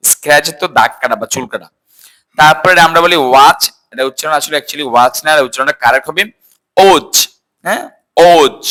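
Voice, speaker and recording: Guy teaching english words, bright voice, says each one slow over and over. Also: a little high. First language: Bengali. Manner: drills words by repeating them slowly and asking the class. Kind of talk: casual spoken lesson.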